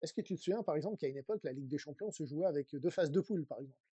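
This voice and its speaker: A man's voice: a little high, expressive, rapid-fire, mellow, husky, dry recording. A man co-hosting a casual football chat over a remote call, chatty and joking, with many fillers. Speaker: podcast co-host.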